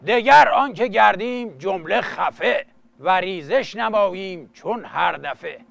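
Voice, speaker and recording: A man's voice: high voice, vocal fry, fairly bright tone, exaggerated voice. A man voicing a scheming, pompous demon tyrant in mock-heroic verse, in the manner of an epic teahouse storyteller. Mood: grave, pompous.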